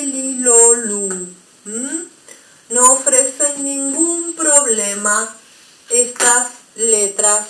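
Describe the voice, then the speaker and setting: A woman's voice: fairly high pitch, a bit bright, echoey room, poor audio. A woman teaching a language lesson, explaining patiently and checking in with her students. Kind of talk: recorded online language lesson.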